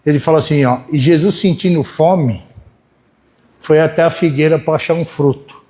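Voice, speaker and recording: Speaking at a moderate pace with a fairly high pitch, a pastor with a Brazilian Portuguese accent delivers a sermon in church. His folksy style includes frequent check-ins with listeners, and he swings between loud and soft.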